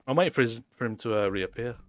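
A man's voice: mid-range voice, lively intonation, fast talker, dry recording. A young man playing along in a game stream, giggling, teasing and humming tunes. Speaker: co-player. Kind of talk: casual gameplay banter.

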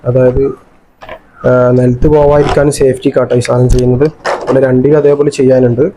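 In noisy amateur vlog audio with clicks, a man with a Kerala Malayalam accent hosts an unboxing. His medium-pitched voice is flat and a little fast as he chats casually and explains things step by step.

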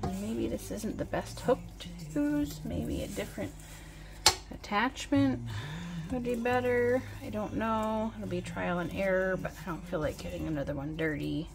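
A woman's voice: mid-range voice, normal speed, gravelly. A woman casually talking through her cooking in a home kitchen, thinking aloud as she works. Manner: relaxed, thinking aloud while working. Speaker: home cook vlogger. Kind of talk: casual cook-with-me narration. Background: loud background music.

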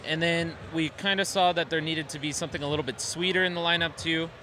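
A young man with a bright, slightly high voice gives a casual product pitch. His manner is easygoing and polite as he explains things to an interviewer. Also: steady tone, fast, slight background noise. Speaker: company representative being interviewed. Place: trade show booth indoors. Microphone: handheld microphone held by interviewer.

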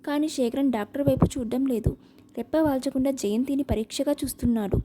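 A woman narrating an audiobook novel with a steady, expressive reading. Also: high-pitched, fast, background noise.

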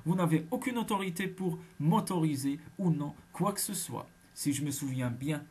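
A man reading a young, newly married woman's lines in an audiobook, answering with quick, indignant retorts. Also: on the high side, expressive, a little mellow, husky.

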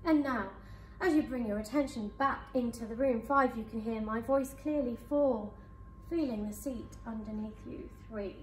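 A woman hypnotherapist leading a guided hypnosis session for a live audience in a conference room, speaking in slow soothing suggestions. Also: fairly high pitch, a little hiss or hum. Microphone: far camera. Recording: echoey room from far off.

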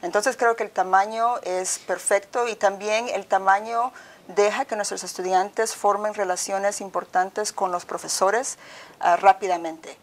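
A middle-aged woman from El Salvador, a university provost, answering interview questions in a measured, articulate way. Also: medium pitch, fairly even intonation. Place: office with bookshelves, indoors. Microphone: lapel.

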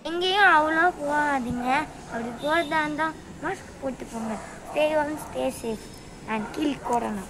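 A woman vlogger giving a quick, upbeat sign-off while speaking through a cloth mask. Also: high-pitched. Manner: quick, upbeat parting advice. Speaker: product review vlogger. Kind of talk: casual vlog sign-off. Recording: loud background noise.

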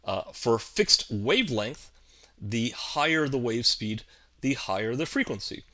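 A man narrating a video tutorial, slow and halting, with many ums and uhs. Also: medium pitch, expressive, pushed and bright. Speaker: animation physics teacher.

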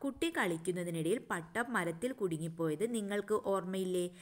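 A woman teacher going through exam answers for young children, asking questions and answering them herself, with English words mixed in. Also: fairly low pitch. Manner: mixes English words into her talk.

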